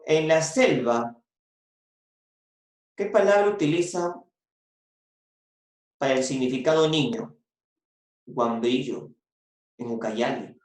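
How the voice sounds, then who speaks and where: A man from Peru with a coastal Peruvian Spanish accent, teaching a secondary school language lesson. He explains step by step, repeats key phrases and tags on little checks like "¿no?" and "¿ya?". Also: mid-range voice. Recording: echoey room recording.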